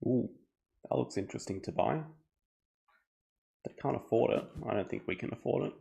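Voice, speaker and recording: A man streaming a board game live, thinking aloud in a relaxed, chatty way. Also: fairly low pitch, moderate pace, gravelly. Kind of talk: casual live game commentary.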